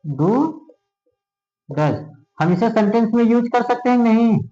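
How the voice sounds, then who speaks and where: A man's voice: very high-pitched, expressive, a little slow, dark tone. A man teaching English grammar in a classroom lesson, often stopping to ask if everyone understands. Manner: checks often if students understand. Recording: dull lo-fi sound.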